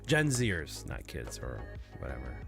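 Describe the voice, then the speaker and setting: A man's voice: a bass voice, wildly swooping pitch, unhurried, vocal fry, over music. A sleepy man chatting casually with viewers from his home gaming setup, rambling with lots of fillers. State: sleepy, yawning. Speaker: livestreamer.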